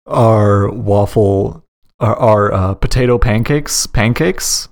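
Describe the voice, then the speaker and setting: A man co-hosting a casual comedy podcast, arguing absurd points in a deadpan way. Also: fairly low pitch, slow pace, vocal fry. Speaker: podcast co-host.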